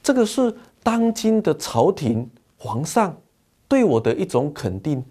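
A man preaching and voicing a proud, quick-tempered old village man who lectures his visitor indignantly. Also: fairly high pitch, very animated, mellow, voice pushed up.

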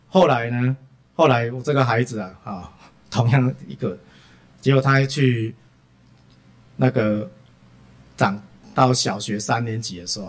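A middle-aged man gives a sermon as a string of lively family stories. He sprinkles his talk with soft "ah" fillers. His voice sits at a medium pitch. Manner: lively anecdotal delivery, frequent "ah" fillers. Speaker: preacher. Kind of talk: sermon with personal storytelling.

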